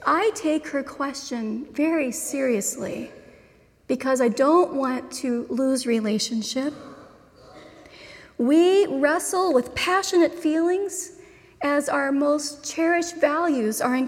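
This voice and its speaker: A high-pitched woman delivers a sermon at an unhurried pace, weighing each phrase. Her voice rings with the long reverb of a large church hall. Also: a little mellow. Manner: slow, deliberate preaching with measured pauses. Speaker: pastor.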